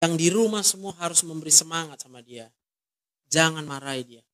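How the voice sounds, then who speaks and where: A man's voice: on the high side, a little fast, a bit bright, no room sound. A man, counseling someone one-on-one and asking many short, direct questions. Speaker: counselor in a ministry.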